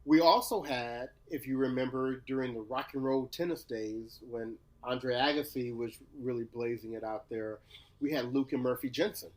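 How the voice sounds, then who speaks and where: A man's voice: mid-range voice, fairly even intonation, moderate pace. A man from Louisiana, co-hosting a casual podcast chat in a playful, teasing way. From Louisiana, USA. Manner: laid-back, playful, teasing. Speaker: podcast co-host.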